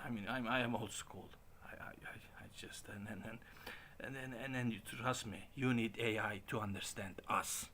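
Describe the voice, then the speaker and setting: A man in his late forties talking casually in a halting way, with frequent restarts and chuckles. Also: fairly low pitch, a bit bright, a little hiss or hum. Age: 40s. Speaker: stream host. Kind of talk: casual rambling monologue.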